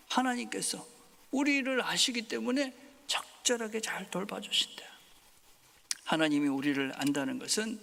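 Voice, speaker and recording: A male pastor preaching a Sunday sermon, swinging from loud emphasis to soft whispers. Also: sits high, gravelly. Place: church sanctuary. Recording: long hall reverb.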